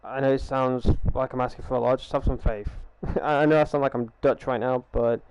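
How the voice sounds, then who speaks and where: A young male game streamer chats casually with his live-stream audience as he plays, earnest and rambling and often repeating himself, over a gaming headset at home. His medium-pitched voice is steady, a little fast and darkish in tone, with the highs cut off and slight background noise.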